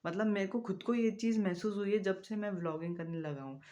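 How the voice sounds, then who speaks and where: A young man, talking casually to the camera in a vlog. He is soft-spoken and rambling, with frequent fillers. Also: high voice, brisk, dull audio. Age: young adult. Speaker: vlogger.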